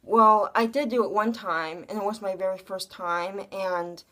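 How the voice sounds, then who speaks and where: A woman's voice: medium pitch, steady tone, unhurried, fairly bright tone, poor audio. A young woman giving a casual personal update as a vlogger, telling stories in a rambling, conversational way.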